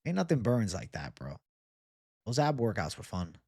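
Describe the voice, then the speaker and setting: A man's voice: on the low side, huge pitch swings, moderate pace, dark tone, slightly rough, no echo, clean studio sound. A man in his twenties hosting a livestream, chatting casually with viewers in slangy, sweary bro-talk. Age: 20s. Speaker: livestream host. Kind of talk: casual livestream chat, reading and answering viewer comments.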